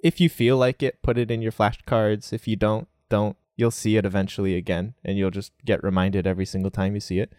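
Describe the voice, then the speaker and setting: A young man in a casual interview, talking about learning Japanese, relaxed, often laughing and saying "like". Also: fairly low pitch, brisk, few pauses, no echo, studio quality.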